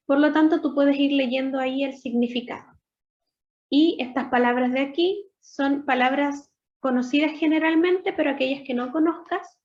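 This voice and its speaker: A woman English teacher, patiently explaining grammar step by step and slowly modeling English words in a recorded lesson. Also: sits high, a little mellow. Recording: dull lo-fi voice recording.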